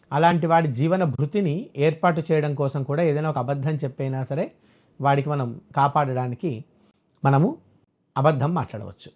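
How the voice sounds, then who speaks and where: Man giving a slow scriptural discourse. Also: fairly high pitch, dull audio. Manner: explains scripture, chants Sanskrit verses slowly. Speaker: spiritual teacher. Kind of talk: Telugu religious discourse.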